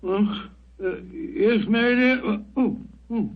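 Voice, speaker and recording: An actor with a British accent playing a fussy, warm-hearted, bumbling older doctor, stammering and blustering in a gruff voice, in 1940s radio drama style. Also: male voice, extremely high pitch, takes it slowly, background noise. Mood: groggy, fretful. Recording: muffled 1940s radio recording.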